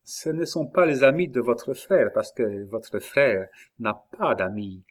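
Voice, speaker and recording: A man voicing a shrewd, scornful old queen mother who speaks cuttingly and rises into high, sharp exclamations, in a dramatized audiobook reading. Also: animated, slow pace. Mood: cold.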